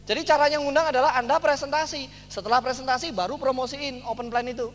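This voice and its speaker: A man speaking at a seminar, telling a story in an animated way and acting out the dialogue. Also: extremely high pitch, fast talker. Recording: long hall reverb, faint noise.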